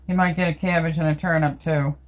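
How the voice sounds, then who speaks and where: A woman's voice: sits low, steady tone, fairly quick. An older Canadian woman films herself with a handheld phone and chats away, easy and homey. She talks to her cat and her viewers with an everyday voice. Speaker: vlogger. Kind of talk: casual everyday vlog. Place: home indoors, then outdoors in snow and in a vehicle.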